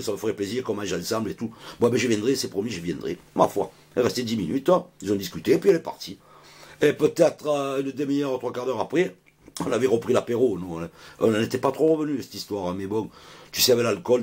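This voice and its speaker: Rambling husky man telling a bar story. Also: lowish voice, lively intonation, fast, a little mellow. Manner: rambling, slangy, full of fillers. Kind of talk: comic anecdote to camera.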